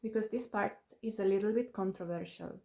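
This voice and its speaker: A woman's voice: mid-range voice, a little fast, creaky, darkish tone. A woman author chatting casually to camera about her new book, laughing often and making self-deprecating asides.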